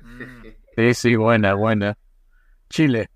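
A man hosting a casual podcast interview, asking quick questions in a relaxed way with many fillers. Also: lowish voice. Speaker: podcast host.

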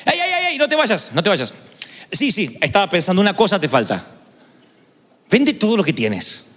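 A male preacher voicing God as a gentle, conversational man who coaxes and corrects. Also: high voice, wildly swooping pitch, normal speed, voice pushed up, exaggerated voice. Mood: coaxing. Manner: conversational, coaxing. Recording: long hall reverb.

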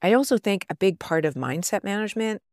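A woman's voice: medium pitch, expressive, fast, darkish tone, dry recording, studio quality. A woman in her fifties or older hosting a podcast, talking in an upbeat, encouraging and informal way. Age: 50s or older. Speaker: podcast host and life coach. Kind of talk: podcast monologue.

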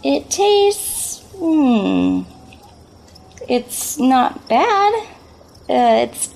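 A woman's voice: sits high, sing-song, extremely slow, gravelly, a little mellow, full character voice. Woman voicing a whiny valley-girl teen. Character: whiny teenage girl, bratty and squeamish.

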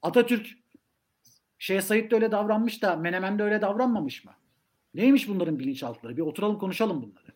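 A man's voice: sits high, lively intonation, quick pace. A man speaking as an academic guest in a political discussion, making points emphatically with rhetorical repetition. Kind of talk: political discussion on a live stream.

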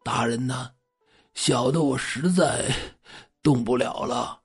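A man's voice: medium pitch, slow pace, vocal fry, husky, soft background music, exaggerated voice. A man voicing a faint, dying plague-sick man. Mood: feeble. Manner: faint, breathless, pleading. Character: dying plague-stricken man, gaunt and feeble.

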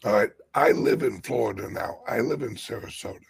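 On a crypto show, a raspy-voiced host leads an easygoing political conversation, talking a little fast in a fairly low pitch, with emphatic delivery and many restarts.

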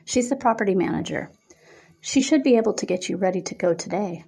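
A woman voicing a brisk, matter-of-fact young woman working registration. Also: medium pitch, lively intonation, creaky, dark tone, husky. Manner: matter-of-fact, then peppy.

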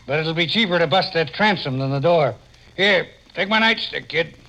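An actor playing a gruff, impatient city beat cop with clipped, wry talk in old-time radio drama style. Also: male voice, fairly high pitch, expressive, moderate pace, sharp tone. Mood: practical. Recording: noisy old radio recording, clicks.

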